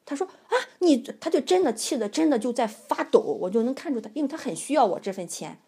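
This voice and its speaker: A young adult woman vlogger telling a casual, animated and indignant story about a bad landlord. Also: a little high, quick pace, husky.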